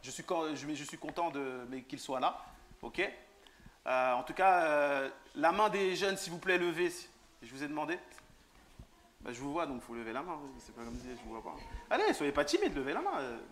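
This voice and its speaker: Speaking at normal speed in a church hall, a man with a high, somewhat bright voice and big pitch swings preaches informally as a lay preacher. He jokes, teases and fires questions at the young people in the pews, with slight background noise present.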